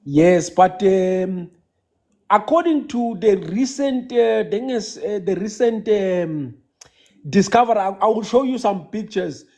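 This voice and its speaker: With a high-pitched, expressive voice and a dark tone, a Xhosa-speaking South African man calls in to a casual live chat. He talks haltingly, restarting often and leaning on fillers.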